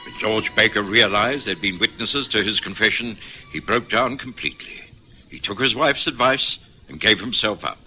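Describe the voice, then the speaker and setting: A man's voice: fairly low pitch, normal speed, bright, forceful tone, breathy edge, soft background music, full character voice, rough recording. A man playing an earnest doctor who narrates a detective story for a radio drama. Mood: grave narration. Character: earnest male doctor narrating his detective friend's case.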